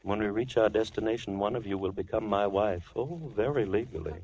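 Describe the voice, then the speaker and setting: An actor playing a soft-spoken, coldly polite madman in a 1940s radio drama. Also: on the low side, lightly acted. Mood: menacing. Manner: slow, silky, coldly polite. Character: menacing soft-spoken male madman, middle-aged. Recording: muffled 1940s radio recording with hiss.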